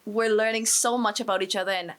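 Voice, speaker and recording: A woman's voice: mid-range voice, steady tone, fast talker, fairly bright tone. A woman pageant contestant giving poised interview answers, upbeat and diplomatic, with polished phrasing.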